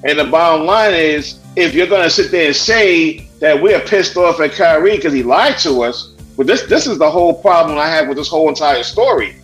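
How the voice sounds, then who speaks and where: High-voiced man hammering his point. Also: expressive, moderate pace, fairly bright tone, faint music behind, low-quality recording. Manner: emphatic, hammers the same point. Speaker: sports talk co-host. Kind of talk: heated panel debate.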